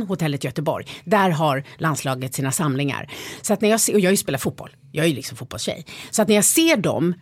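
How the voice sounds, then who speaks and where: Chatty swedish woman, kinda husky, tells stories with lots of energy, dry close sound. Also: deep voice, dry recording. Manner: lively storyteller, animated retellings. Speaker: guest, leadership developer. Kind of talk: interview conversation.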